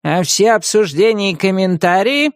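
A man's voice: high-pitched, huge pitch swings, slow, vocal fry, no room sound, clean studio sound, pitched above the performer's own voice, heavily acted. A man voicing a wry, strict ghost grandmother, over sixty, in a storybook reading. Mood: stern. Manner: wry, stern, schoolmarmish.

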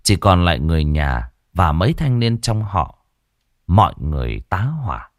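A man narrating a ghost story dramatically, with long pauses. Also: fairly low pitch, no room sound, clean studio sound.

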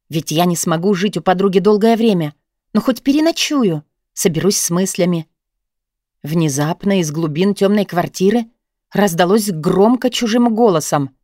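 A woman narrating an audiobook in the first person, with lively, expressive storytelling. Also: mid-range voice, no room sound, clean studio sound.

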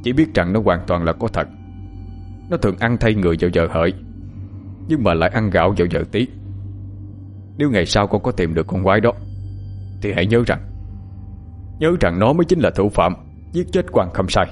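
Brief: a grave mandarin father, deep-voiced and solemn, audiobook drama. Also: animated, a little fast, long pauses, soft background music. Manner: solemn, urgent instructions. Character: grave middle-aged male mandarin father. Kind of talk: audiobook character acting.

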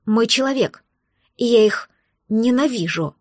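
A woman's voice: a little high, animated, measured pace, no echo, clean studio sound. Woman reading as a tearful hissing baby dragon. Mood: tearful, angry. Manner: sobbing, hissing, stubborn. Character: tearful angry little male dragon. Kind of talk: audiobook character voice.

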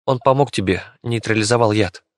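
A man's voice: on the low side, fairly quick, no echo, clean studio sound, close to an everyday voice. A man voicing a young fox girl in an audiobook, cold and matter-of-fact. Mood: explaining. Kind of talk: audiobook character voice.

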